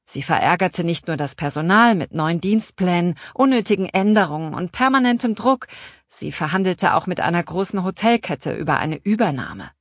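A woman reads an audiobook in a calm, measured and expressive way. Her voice sits fairly low. The close studio recording is completely dry. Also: no echo. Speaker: audiobook narrator. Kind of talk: scripted narration.

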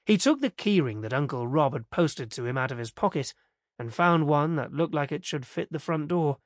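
A man narrating an audiobook in a steady, measured storytelling manner. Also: a little high, no echo, studio quality.

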